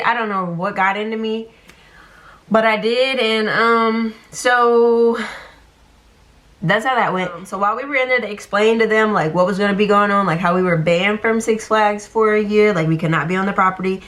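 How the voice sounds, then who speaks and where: A young woman telling a story casually, chatty and animated, full of fillers. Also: mid-range voice, moderate pace. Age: young adult.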